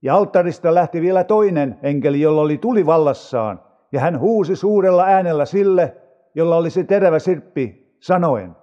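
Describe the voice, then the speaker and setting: A man reading scripture aloud for an audio Bible in a measured, unhurried way. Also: on the high side, expressive, dark tone, long reverb tail, muffled recording.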